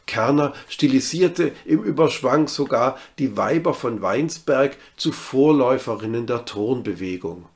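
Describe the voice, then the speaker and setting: A man giving a scripted documentary narration for a literary city tour, reading in a measured, even manner. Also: mid-range voice.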